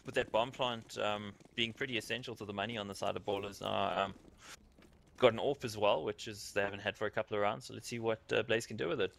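Male color caster from South Africa, low gravelly voice, bright edge, joking asides. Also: fairly even intonation, fast talker. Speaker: esports color commentator. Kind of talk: esports color commentary.

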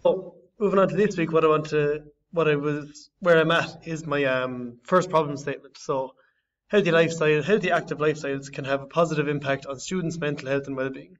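Halting young man presenting his project. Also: a little high, steady tone. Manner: halting, searching for words, frequent restarts. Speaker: design student. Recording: slightly distant, dull lo-fi audio.

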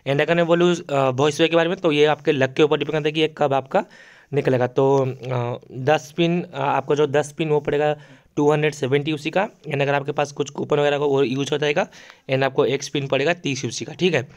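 Over screen footage of a mobile game, a male YouTuber casually talks through an update, going over points repeatedly and packing in filler words. His voice sits a little high, with a steady tone and a slightly fast pace.

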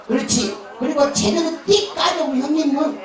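Bawdy Jeolla-accented festival clown. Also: male voice, very high-pitched, moderate pace. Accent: Jeolla Korean. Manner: crude, teasing, laughs through his lines, bursts into shouts. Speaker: pumba street performer and emcee. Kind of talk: bawdy comic stage banter with the crowd. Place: outdoor festival stage. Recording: echoey loudspeaker sound, filmed from far off, crowd noise.

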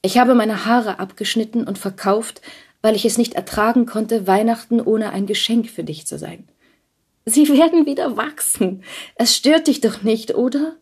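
A woman's voice: on the high side, normal speed, darkish tone, slightly rough, pitched above the performer's own voice. A woman voicing a pleading young wife. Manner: breathless, eager pleading. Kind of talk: audiobook character voice.

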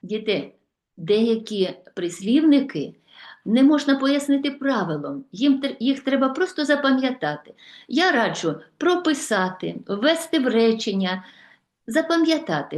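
A middle-aged woman teacher with a Ukrainian accent, warmly addressing her pupils as children. Her voice sits fairly high and moves through a wide, animated range. She reads out examples slowly and carefully, in a room with noticeable echo. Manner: warm, addresses pupils as children, slow deliberate listing. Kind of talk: video lesson for schoolchildren.

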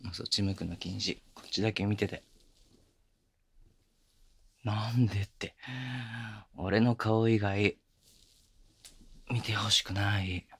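A man playing a teasing, affectionate young boyfriend in intimate ASMR role-play, murmuring softly and very close to the microphone. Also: lowish voice, fairly even intonation, takes it slowly, pauses often, no room sound, heavily acted. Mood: affectionate, coaxing. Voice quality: breathy, gravelly. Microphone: very close binaural microphone, dry.

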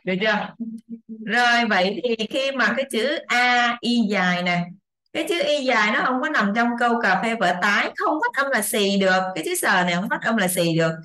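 With a roomy echo around her, a woman teaching English talks through a lesson online in a chatty style, going over examples again and checking her students follow along. She sounds a little high, expressive, and sharp, speaking slightly fast.

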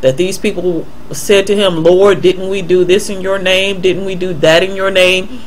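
A man earnestly explaining Bible passages in a voice-over, answering a viewer's email and pausing often with fillers and restarts. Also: high voice, fairly even intonation, slight background noise, poor audio. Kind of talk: unscripted Bible commentary voice-over.

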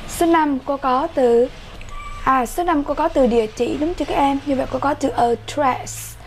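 A woman teaching a workbook lesson to children online, repeating English words slowly and carefully, with a Vietnamese accent. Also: sits high, a little hiss or hum.

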